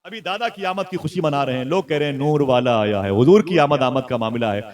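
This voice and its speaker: A man preaching a sermon with impassioned storytelling that swells into loud exclamations, and he prompts his listeners to call back. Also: on the high side, animated, a little fast.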